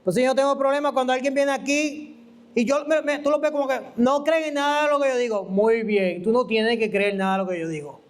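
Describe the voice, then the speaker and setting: Preacher, high voice, animated and conversational, teaches by asking questions. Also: brisk. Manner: animated, asks the listener questions and acts out quoted voices. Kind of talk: sermon. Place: church.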